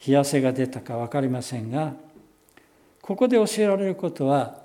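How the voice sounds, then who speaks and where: A pastor giving a sermon, explaining scripture in a measured way and slowing down on key phrases. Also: male voice, medium pitch, lively intonation, dark tone. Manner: measured, explanatory preaching with slowed emphatic phrases.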